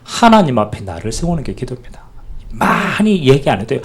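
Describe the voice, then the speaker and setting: A man pastor preaching a sermon, animated and calling out to the congregation for amen. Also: mid-range voice, a little fast, husky.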